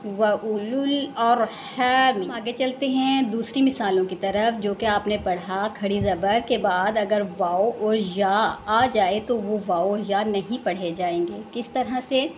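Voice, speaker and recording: A woman with an Urdu accent teaching Quran recitation in a lesson, explaining patiently and repeating each word slowly and drawn out. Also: medium pitch, a little mellow, a little hiss or hum. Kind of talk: slow step-by-step recitation lesson.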